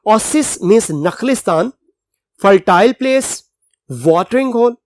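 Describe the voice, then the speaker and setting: An English teacher who reads a text aloud slowly, explains it at length and spells words out letter by letter. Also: medium pitch, lively intonation, no echo, clean studio sound.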